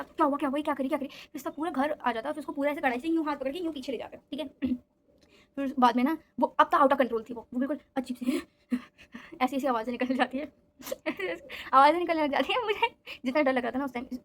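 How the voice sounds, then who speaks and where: A young woman telling a story in a casual vlog, animated and mixing in English phrases. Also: high-pitched, fast, a little hiss or hum.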